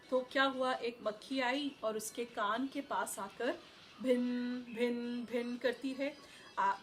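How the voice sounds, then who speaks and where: Patient woman teacher reading a story. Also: on the high side. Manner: explains words patiently, mixing in English. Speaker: school teacher. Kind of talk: online class story reading and explanation. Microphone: video call.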